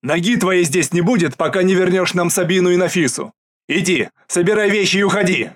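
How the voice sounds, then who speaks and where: Guy playing an angry old dad, loud growly shouting, dry recording. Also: high-pitched, brisk, no room sound, pitched above the performer's own voice. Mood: raging. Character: stern grey-browed old father, furious and commanding.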